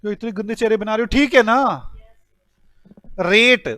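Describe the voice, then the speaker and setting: High-voiced teasing male teacher. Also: steady tone, normal speed, bright, forceful tone, no room sound, studio quality. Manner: teasing, joking with students while calculating aloud; mixes English numbers into Hindi speech. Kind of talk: classroom lecture solving problems.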